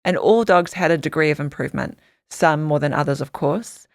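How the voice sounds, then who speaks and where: A Samoan woman who founded a dog skincare company appears as a podcast guest, telling stories in earnest detail with a notably low voice. She speaks fairly quickly and often restarts her sentences. The audio is dry and close, with no room sound.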